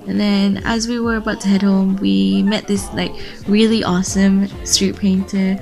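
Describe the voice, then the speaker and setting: A young woman tells her travel vlog in a chatty, upbeat voice-over. Her voice is a little rough, the morning after the trip. A clear music bed runs underneath. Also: medium pitch, flat delivery, moderate pace, a little mellow. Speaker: vlogger, student.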